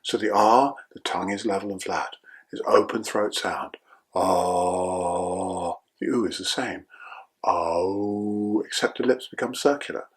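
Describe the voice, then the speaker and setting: An older male breathwork teacher with a low, husky voice gives calm, patient instruction. He guides slowly, checking in with a "yeah?"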